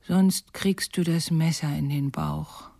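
A woman's voice: low voice, fairly even intonation, normal speed, darkish tone, dry recording, studio quality, close to an everyday voice. A woman voicing a wild, fierce little robber girl in a storybook, blunt and teasing, at times whispering.

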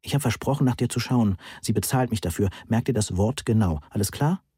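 A brash, no-nonsense caretaker woman scolds in clipped, firm phrases, as a male narrator puts her on. Her voice sits higher than the reader's own, with a faintly shrill edge. The reading is husky and close, with no room sound. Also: brisk, mellow, no echo. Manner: bossy, firm, a little shrill. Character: brisk brash adult woman, cleaner caring for sick student.

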